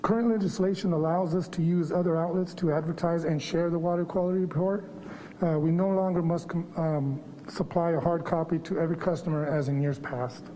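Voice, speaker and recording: In a public board meeting room, a man presenting as water quality manager speaks fairly quickly with fairly even intonation. His mellow voice has a fairly high pitch, is slightly muffled by a face mask, and there's slight background noise.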